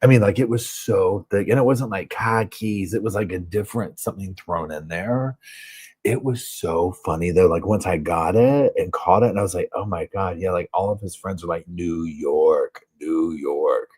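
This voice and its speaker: Here a man with a Southern US accent, a true crime channel host, holds a laid-back live chat in a hotel room and reads viewer comments aloud. He has a low, darkish voice with a breathy edge and keeps a moderate pace. His delivery is rambling and chatty, thick with filler words.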